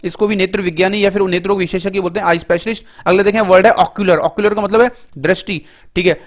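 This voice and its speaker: A middle-aged man teaching English vocabulary through word roots in a Hindi lecture, explaining step by step and reading English definitions out slowly. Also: sits high, steady tone. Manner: explains word roots step by step, often says "ठीक है" and "दोस्तों".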